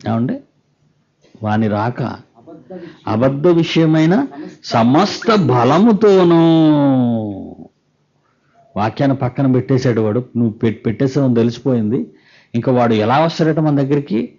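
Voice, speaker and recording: Preaching in a warm, medium-pitched voice captured on a muffled recording, this pastor reads scripture with slow deliberation. He keeps putting rhetorical questions to his congregation.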